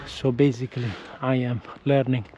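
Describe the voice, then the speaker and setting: His medium-pitched, mellow voice is delivered flatly at normal speed, with a faint hiss or hum in the background. He is a non-native English speaker with an Italian accent who vlogs casually while walking outdoors, speaking hesitantly with frequent restarts and self-corrections, recorded on an action camera with a windscreen.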